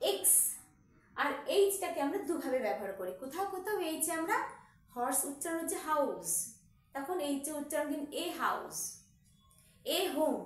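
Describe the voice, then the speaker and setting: A woman teacher with a Bengali accent, explaining a grammar lesson step by step, repeating examples and putting questions to her class. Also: sits high. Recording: echoey room, distant mic.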